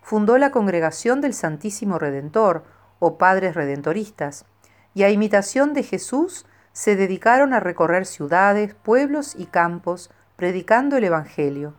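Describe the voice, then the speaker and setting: A woman calmly reading a scripted devotional life of a saint in a measured way. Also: medium pitch. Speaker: narrator.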